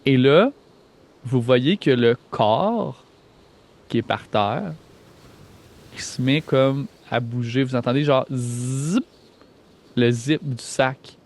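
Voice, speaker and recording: Quebec French game master narrating. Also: male voice, medium pitch, animated, slow, gravelly, long pauses.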